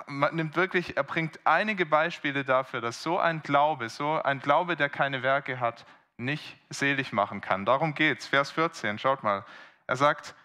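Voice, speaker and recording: A man's voice: mid-range voice, sharp tone. A man preaching a sermon, explaining a Bible passage earnestly and asking the congregation rhetorical questions.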